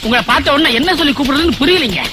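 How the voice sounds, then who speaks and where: In a Tamil film comedy, an actor speaks in a very high voice with lively intonation and very fast delivery. He plays a fussy, flustered, smitten widowed village father of a grown daughter, bumbling along and blurting frequent startled "aa?" grunts.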